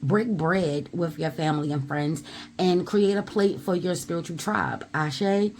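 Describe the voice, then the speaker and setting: A tarot reader delivers a spiritual message in a loud, emphatic voice, fairly low in pitch and measured in pace. She is blunt, swears at times, and keeps reinforcing her points with repeated affirmations.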